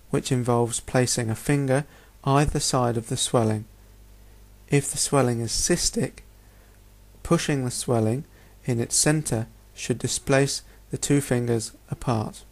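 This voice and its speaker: A man's voice: medium pitch, vocal fry. A man giving a narrated lecture in a methodical, instructional manner, often posing questions as he explains. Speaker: medical lecturer. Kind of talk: narrated lecture over slides.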